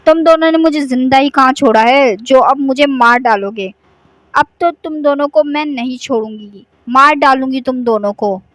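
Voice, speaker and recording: A woman's voice: sits high, moderate pace, a bit bright, no room sound. A woman voicing a vengeful young female teacher who has become a witch in a cartoon, in a threatening manner. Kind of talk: cartoon voice acting.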